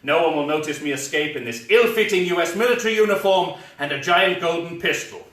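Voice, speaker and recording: A man's voice: a little high, a little fast, fairly bright tone, close to an everyday voice. A man voicing a gloating, gold-obsessed male villain with theatrical menace. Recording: roomy live stage sound from a distance.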